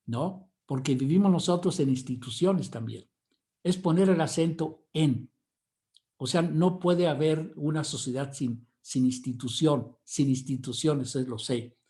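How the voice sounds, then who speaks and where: Man, Mexican accent, university professor, academic lecture, dark mellow voice, digressive, emphatic, repeats words. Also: medium pitch. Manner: digressive and emphatic, often repeating words while searching for phrasing.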